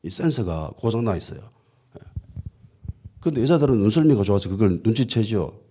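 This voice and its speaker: A man's voice: fairly low pitch, very animated, brisk, warm tone, a little hiss or hum. A man with a Gyeongsang accent preaching a sermon, telling the story with quoted voices and frequent affirming asides. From Gyeongsang region, South Korea. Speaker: pastor. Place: church.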